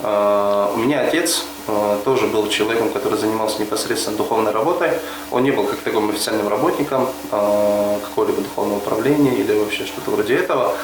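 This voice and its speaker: A man in his twenties, a deputy mufti, answering interview questions thoughtfully, with frequent hesitations and restarts. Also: lowish voice. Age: 20s. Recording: echoey room with background noise.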